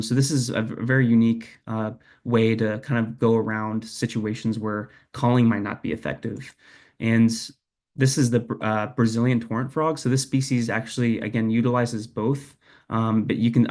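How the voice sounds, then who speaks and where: The presenter is a young man whose lowish voice is gravelly and a little mellow. He delivers a casual, hesitant online lecture over a video call, with frequent fillers and restarts.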